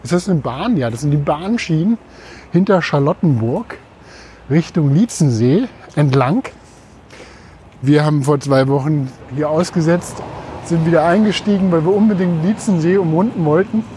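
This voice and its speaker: A man's voice: a little high, moderate pace, dark tone. A man co-hosting a casual podcast, talking as he walks along outdoors. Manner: talking while on the move outdoors. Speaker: podcast co-host. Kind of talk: casual podcast chat while walking. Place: outdoors on a city route beside railway tracks. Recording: outdoor ambient noise, passing vehicles.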